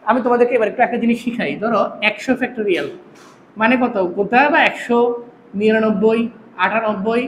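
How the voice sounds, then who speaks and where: A man teaching a math class, constantly quizzing his students with questions. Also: extremely high pitch. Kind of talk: classroom lecture. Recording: echoey room, faint hum.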